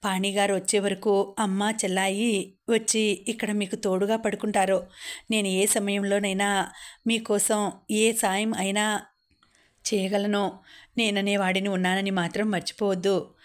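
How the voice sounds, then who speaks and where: A woman's voice: medium pitch, little pitch movement, unhurried, lightly acted. A woman reading the lines of a young man who earnestly promises to protect and repay his sister-in-law, in a storybook. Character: young man, grateful protective brother figure.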